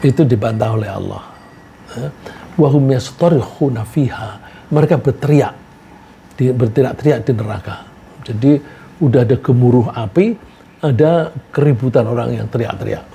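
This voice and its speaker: A man giving a religious lecture, reciting Arabic verses and explaining them in a relaxed, conversational way with anecdotes. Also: mid-range voice, moderate pace, vocal fry, long pauses, a little hiss or hum. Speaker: Islamic preacher.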